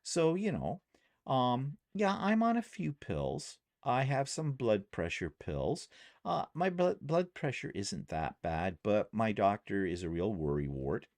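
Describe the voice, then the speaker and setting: A man's voice: lowish voice, big pitch swings, measured pace, darkish tone, no room sound, clean studio sound. A man in his sixties, retired, chatting casually in a rambling way with many fillers on a vlog, possibly with a Canadian accent. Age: 60s. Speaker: vlogger.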